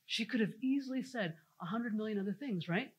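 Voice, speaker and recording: A woman giving an energetic conference talk, telling stories and speaking straight to the audience. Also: on the high side, fairly quick, slightly rough. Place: conference stage before an audience.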